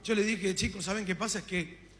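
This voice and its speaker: A man with an Argentine accent preaches his own testimony, telling the story with fervor and acting out what each person said. His voice sits high. A long reverb trails behind him, as in a hall. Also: steady tone, fairly quick, a bit bright. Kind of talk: testimony sermon.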